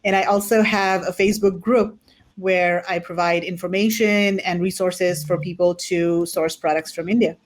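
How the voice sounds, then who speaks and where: A woman introducing herself on a panel in a clear, orderly way. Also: fairly low pitch, fairly even intonation, normal speed. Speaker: panelist, sourcing specialist.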